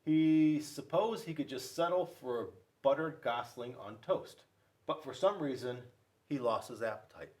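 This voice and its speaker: A school officer shares a picture book with children in an animated read-aloud, playfully quizzing his young listeners. His voice is mid-range and darkish in tone, at a measured pace.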